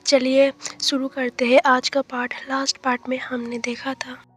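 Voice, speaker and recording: Breathy half-whispering woman storyteller. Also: high-pitched, little pitch movement, normal speed, soft background music. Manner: soft, half-whispered reading. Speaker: storyteller channel host. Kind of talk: fan fiction narration.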